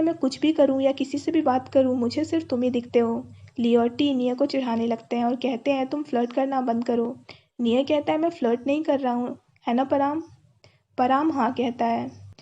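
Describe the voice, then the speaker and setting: High-voiced woman narrating a drama recap. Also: slightly rough. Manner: steady storytelling, reads all dialogue in the same voice. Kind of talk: scripted story narration. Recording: dull lo-fi sound.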